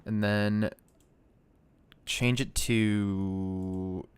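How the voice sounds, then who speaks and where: A man in a casual gaming chat, helpful and quick to explain things. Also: lowish voice, steady tone, clear, resonant tone, no room sound.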